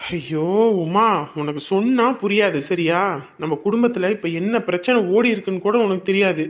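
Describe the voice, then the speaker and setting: A man's voice: high-pitched, normal speed, natural voice. An actor playing a stubborn young husband who lectures his wife and turns harsh, in a family drama. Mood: firm persuading. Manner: lecturing, repeats himself, grows harsh. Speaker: husband leaving home for work. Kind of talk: Tamil family drama acting.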